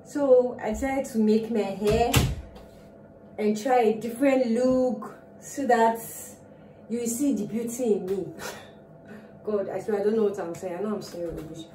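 A woman's voice: on the high side, unhurried, mellow. A young woman with a Nigerian English accent, chatting casually and rambling a bit to her vlog camera at home. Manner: chatty and rambling, self-mocking. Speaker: vlogger. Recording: roomy, distant sound with faint noise.

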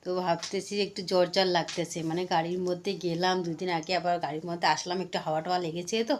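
A woman with a slightly hoarse voice, chatting casually to viewers as a vlogging mother and narrating what she is doing. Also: fairly low pitch, little pitch movement, very fast, slight background noise.

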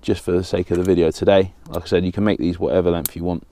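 A man's voice: low voice, level tone, quick pace, dark tone, no echo. A man in his thirties from England with a southern English accent, hosting a fishing channel and explaining a rig step by step in a plain, practical way while working with his hands. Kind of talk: step-by-step tutorial. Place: small indoor studio with banner backdrop.

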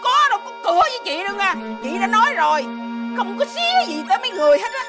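A woman's voice: extremely high pitch, big pitch swings, quick pace, music in the background. A woman with a Southern Vietnamese accent playing a big, proud, hot-tempered neighbor in a stage comedy sketch, bossy and quarrelsome. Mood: smug. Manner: bossy, quarrelsome, rattles off rhyming curses.

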